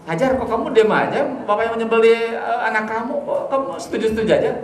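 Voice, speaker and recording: A man's voice: extremely high pitch, quick pace, a little hiss or hum, pitched above the performer's own voice. A man with a Sundanese-tinged accent voicing a tempting devil who needles people with incredulous questions, within a sermon. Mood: needling. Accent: Sundanese-tinged Indonesian. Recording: echoey room.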